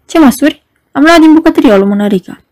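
A woman voicing an agitated young male poet who bursts out in excited, shouting protests in a storybook reading. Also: very high-pitched, no room sound, voice pushed up.

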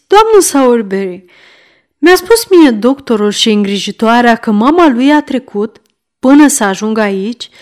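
A woman's voice: on the high side, smooth, close to an everyday voice. A woman voicing a pompous, self-important male parish beadle who lectures and blusters.

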